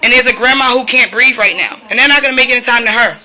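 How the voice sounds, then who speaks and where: A woman with a slightly high voice speaks quickly, her tone pushed and bright. She's a resident filming a police standoff from inside her apartment, giving agitated live commentary in protest, firing off rhetorical questions and turning to speak to the officers directly.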